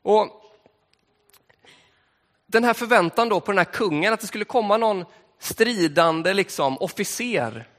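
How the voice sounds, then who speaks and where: A man with a high, bright voice preaches in a church, easy and conversational, with frequent fillers. His voice rings out in a hall with a long reverb. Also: long pauses. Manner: conversational, relaxed storytelling with fillers. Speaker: pastor. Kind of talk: sermon.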